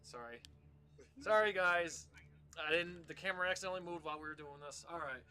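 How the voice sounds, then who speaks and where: A man co-hosting a late-night gaming live stream, hoarse from screaming, with hype, profane showman patter. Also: a little high, a little fast, pushed and bright. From Syracuse, New York. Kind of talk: casual live-stream chat.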